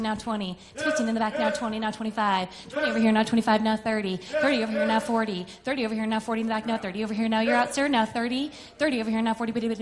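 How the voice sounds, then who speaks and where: Fast-chanting, higher-pitched female auctioneer. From Kansas City, United States. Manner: rhythmic, repetitive bid calling. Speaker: auctioneer, contest competitor.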